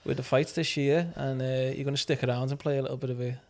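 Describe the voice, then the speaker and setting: A man's voice: mid-range voice, steady tone, fast, creaky, darkish tone. A man hosting a casual, chatty interview. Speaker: host.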